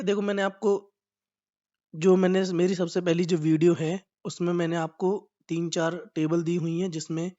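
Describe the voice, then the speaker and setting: A man teaching an English grammar lesson, explaining patiently and repeatedly checking that listeners follow, with slow drawn-out example sentences. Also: sits high, a little mellow. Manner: patient, repetitive explaining, often checking "right?". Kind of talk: classroom-style grammar lesson. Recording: slightly dull lo-fi recording.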